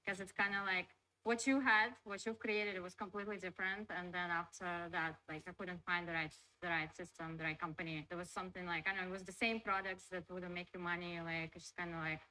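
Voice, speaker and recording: A Russian-accented woman chatting as an interview guest, and her sentences spill out quickly with lots of "like" and "you know". Her voice sits fairly low for a woman but rings bright and forward. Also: steady tone, low-quality recording. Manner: chatty, loose phrasing full of "like" and "you know". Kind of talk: casual interview.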